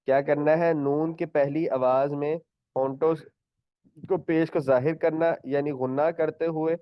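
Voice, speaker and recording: A man teaching Quran recitation in an online class, patiently repeating each point, stretching out words as examples and clearing his throat often. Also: fairly high pitch, no room sound, lo-fi sound.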